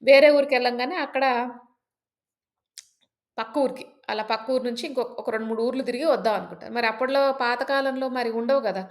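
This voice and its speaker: Fast-talking woman telling a folk tale. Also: on the high side. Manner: chatty, with many fillers and asides. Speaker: storyteller. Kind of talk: casual folk-tale storytelling.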